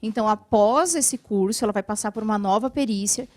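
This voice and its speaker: A Brazilian woman, a social security lawyer appearing as a guest in a TV studio, answers viewers' questions about benefits, explaining patiently and clearly and often adding "né." Her mid-range voice is a little mellow and fairly quick, with no room sound.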